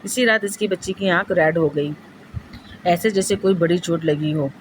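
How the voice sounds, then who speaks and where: A woman's voice: lowish voice, slight background noise, rough recording. A woman narrating a first-person ghost story in a plain, matter-of-fact way.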